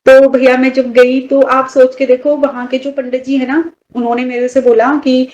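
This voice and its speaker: A woman's voice: sits high, little pitch movement, normal speed, darkish tone, lo-fi sound. A woman telling a personal story in casual conversation, rambling and restarting as she goes and often addressing the listener as brother. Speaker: devotee guest sharing a personal story.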